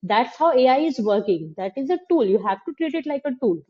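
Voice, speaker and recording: A woman's voice: sits high, big pitch swings, brisk, dark tone. A woman hosting a podcast, talking casually with emphatic opinions. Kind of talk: casual conversation. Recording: slightly muffled, dull sound.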